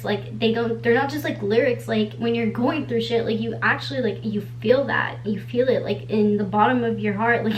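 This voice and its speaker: A fairly high-pitched young woman in her twenties, a native Spanish speaker and beauty vlogger, chats casually at home while applying makeup, rambling with frequent "like"s and an occasional swear word. The recording is low quality, with slight background noise.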